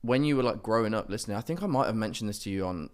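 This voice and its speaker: Low-voiced man hosting a casual chat. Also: expressive. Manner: rambling questions with many fillers and quick laughs. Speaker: podcast host.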